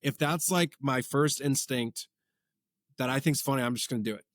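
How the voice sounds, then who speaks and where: A man in his forties, a podcast guest, chatting casually and telling rambling, animated stories. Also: medium pitch, normal speed, no room sound, studio quality. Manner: rambling, animated storytelling with many filler words. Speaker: podcast guest, comedy content creator. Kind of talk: casual chat.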